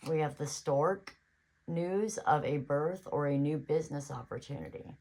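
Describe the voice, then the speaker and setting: A woman's voice: deep voice, unhurried, darkish tone, a little hiss or hum, low-quality recording. A woman giving a casual tarot reading on her channel, chatty and reassuring, thinking aloud as she goes. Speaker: tarot reader.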